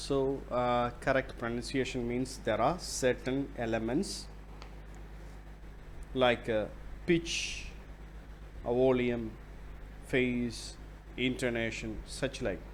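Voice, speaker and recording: Male lecturer, very slow deliberate delivery, mid pitch, bilingual explanations. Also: fairly even intonation, slight background noise. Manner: slow, deliberate, switches between English and Malayalam; explains through repeated examples. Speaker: university lecturer.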